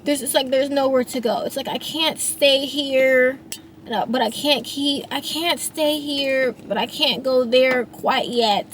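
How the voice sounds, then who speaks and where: Speaking a little slowly in a voice that sits high, a singer-songwriter in her thirties works through her feelings in a rambling, reflective way. She often starts over and uses fillers, with a slight hiss or hum in the background.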